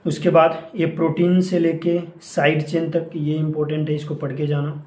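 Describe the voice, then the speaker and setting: A man's voice: on the high side, darkish tone, slight background noise. A young man coaching students for an exam, giving casual, repetitive instructions and mixing English terms into his Hindi. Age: young adult. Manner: mixes English phrases into Hindi speech. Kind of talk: casual exam-prep lesson. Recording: echoey room.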